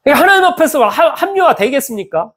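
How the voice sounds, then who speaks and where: A male pastor preaching a sermon in a church, animated and acting out the voices of people he quotes. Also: very high-pitched, fast. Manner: animated, acts out quoted speech with lively swings in tone.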